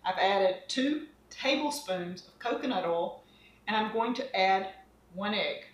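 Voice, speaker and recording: A middle-aged woman with an expressive, mid-range voice speaks a little slowly while demonstrating a recipe for her cooking channel in her home kitchen. She's chatty and homespun as she mixes dough by hand, and the dull audio comes from a distant camera across the counter in a roomy kitchen.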